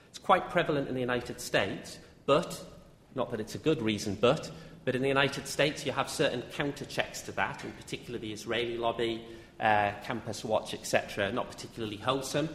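A man's voice: mid-range voice, fairly bright tone. A man, a university lecturer, giving an academic talk with frequent "uh" fillers as he lists examples. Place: lecture hall. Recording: echoey hall with long reverb.

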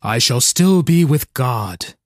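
A man voicing a shy, gentle, philosophical male octopus in a storybook reading, speaking softly and formally in a low, dark-toned voice. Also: slow, dry recording, clean studio sound. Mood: calm. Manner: soft-spoken, formal and calm.

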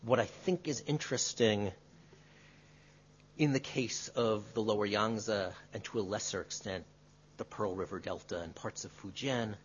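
A male history professor answering an audience question in a measured, qualifying way, often adding tag questions. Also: lowish voice, slight background noise. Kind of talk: academic lecture Q&A. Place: lecture room. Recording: dull lo-fi lecture recording.

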